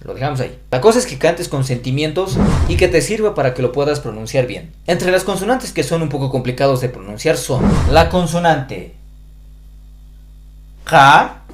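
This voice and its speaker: A man's voice: a little high, lively intonation, brisk, few pauses, noisy background. A man with a Bolivian Spanish accent giving a pronunciation lesson, carefully spelling out each sound. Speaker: language teacher.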